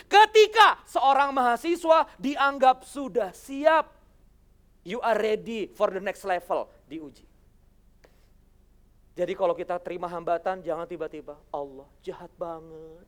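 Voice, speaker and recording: A motivational religious speaker, giving an animated talk on television, firing rhetorical questions and acting out quoted voices. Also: medium pitch, moderate pace. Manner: addresses the audience as friends.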